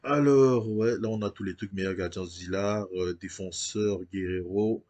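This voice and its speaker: Low-voiced man commenting on a game. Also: fairly even intonation, normal speed, darkish tone. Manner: thinks aloud with frequent hesitations. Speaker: gaming channel host.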